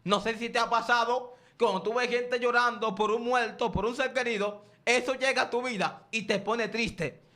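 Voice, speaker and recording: A man's voice: very high voice, steady tone, moderate pace, hardly any pauses, pushed and bright. A man preaching a sermon, asking his listeners questions and then answering them himself, and calling on the congregation to respond.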